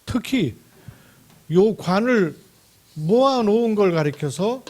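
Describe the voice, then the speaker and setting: Animated high-pitched pastor preaching. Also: male voice, slight background noise. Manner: emphatic, repetitive preaching with drawn-out key words. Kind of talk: sermon. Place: church sanctuary.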